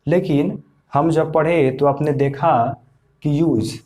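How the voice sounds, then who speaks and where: A male teacher walks learners through a pronunciation lesson. His voice sits a little high, and he repeats each point patiently and unhurriedly. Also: steady tone, takes it slowly, dark tone. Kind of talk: explaining English pronunciation lesson.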